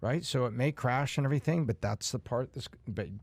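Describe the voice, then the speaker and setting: A man's voice: medium pitch, a little fast, vocal fry, darkish tone, no echo. Man explaining on a podcast panel. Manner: explains points with examples. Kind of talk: casual panel chat.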